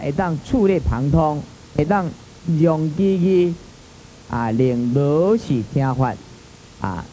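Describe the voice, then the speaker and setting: A man with a Taiwanese accent lectures on a Buddhist sutra, his fairly high voice swooping up and down as he stretches phrases and leans on long fillers. His tone stays mellow, and the microphone carries a long hall reverb behind him. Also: a little hiss or hum. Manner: drawn-out phrasing, frequent 啊 fillers, mixing in Hokkien.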